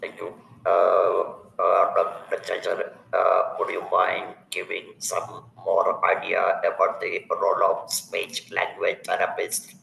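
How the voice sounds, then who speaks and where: A man hosts the show with a very deep, gravelly voice that barely moves in pitch. He speaks formally and haltingly. The recording has a roomy echo with a faint hum of background noise. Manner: gravelly, flat, hesitant. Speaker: show host. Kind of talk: formal welcome and questions.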